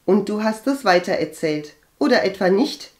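A woman's voice: medium pitch, animated, normal speed, voice pushed up, lightly acted. A woman reading an audiobook and voicing an earnest, hot-tempered young woman healer who speaks in a heated, reproachful way. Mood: indignant. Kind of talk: audiobook character voice.

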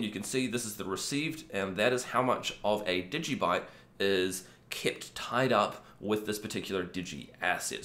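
Low, slightly croaky man in echoey room. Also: a bit bright. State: croaky voice from a cold. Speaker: video host. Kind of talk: casual screen-share tutorial. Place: small room indoors.

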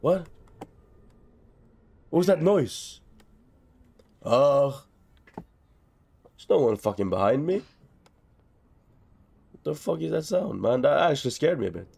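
A man's voice: on the high side, very animated, takes it slowly, vocal fry, long pauses, dark tone, slightly rough. A young man doing live gameplay commentary while tipsy, rambling and repeating himself with exasperated, profane outbursts. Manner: tipsy from drinking, rambling and repetitive. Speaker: streamer playing a video game.

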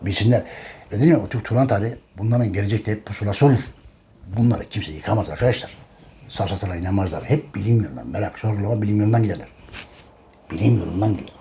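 Male host, somewhat low-pitched, preachy and repetitive in a rambling monologue. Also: fast talker, dark tone, a little hiss or hum. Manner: repetitive, keeps addressing listeners as friends; emphatic, preaching tone. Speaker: history channel host. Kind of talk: casual monologue.

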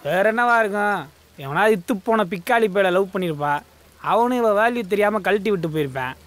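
A man's voice: high voice, lively intonation, fairly quick, a bit bright. An actor playing a cocky young man who teases and banters brashly. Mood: mocking. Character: cocky young man mocking ghost talk. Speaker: comic sidekick.

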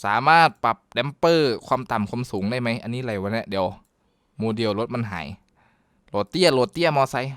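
A man giving casual, excitable commentary while playing a driving game, joking and talking to his viewers. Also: medium pitch, a little fast, dry recording, clean studio sound. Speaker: gaming YouTuber.

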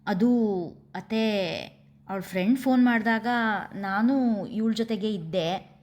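A woman voicing a joking young man who explains himself slowly. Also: medium pitch, a little mellow, dull audio, lightly acted. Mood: sheepish.

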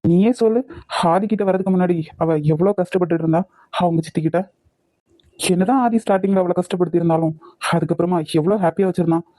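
A man's voice: sits high, quick pace, mellow, dry recording, close to an everyday voice. A man voicing an earnest young cartoon hero. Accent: Kanyakumari Tamil. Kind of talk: cartoon voice acting.

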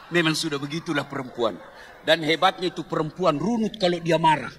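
A man preaching a lively, humorous sermon to a crowd, teasing and joking with the audience before turning earnest. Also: on the high side, fairly quick, a little hiss or hum. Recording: long hall reverb.

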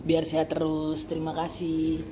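A man's voice: on the high side, monotone, normal speed, a crowd in the background. A nineteen-year-old man from Timor hosting a casual mukbang livestream, reading viewer comments and answering them while chewing food. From Timor, Indonesia.

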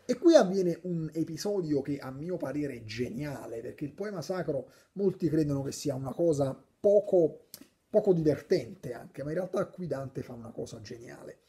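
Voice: mid-range voice, expressive, normal speed, warm tone. A speaker casually explaining a poem, thinking aloud with frequent restarts and now and then reciting verses. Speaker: literature explainer.

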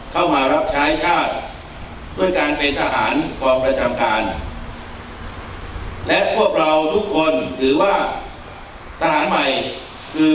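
A middle-aged man, a military officer, delivering a formal ceremonial speech phrase by phrase in a measured way. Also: a little high, a bit bright. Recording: very echoey, distant mic, noisy.

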